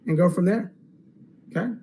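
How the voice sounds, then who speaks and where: A man hosting a live webinar Q&A, upbeat and salesy, checking in with "okay?" and going hoarse. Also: high-pitched, normal speed, dark tone, a little hiss or hum, low-quality recording. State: losing his voice. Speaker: online course host.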